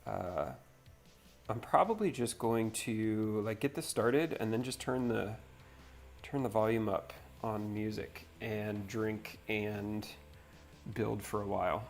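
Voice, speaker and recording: Stream host, male, from North Carolina, low voice, easygoing rambling chat, faint music underneath. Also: takes it slowly, gravelly. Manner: laid-back and rambling. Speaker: livestream host. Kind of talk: casual chat while building.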